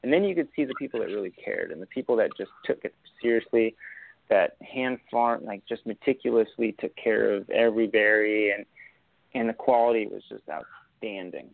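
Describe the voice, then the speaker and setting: A man's voice: fairly low pitch, moderate pace, vocal fry, dry recording. A young man from Argentina, a winemaker guest, talking casually and rambling with many fillers and restarts over a thin, phone-like line. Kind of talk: casual interview chat. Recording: tinny phone-like line, dry.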